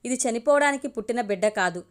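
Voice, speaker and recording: A woman's voice: fairly high pitch, expressive, fast, close to an everyday voice. A woman voicing a defiant young woman who protects an adopted baby, firm and emotional.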